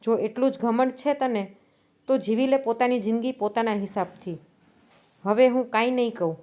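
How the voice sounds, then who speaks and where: A weary older father speaks humbly and in a measured way, as a woman narrator voices him. The pitch stays fairly high. It is a storybook reading. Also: warm tone, natural voice.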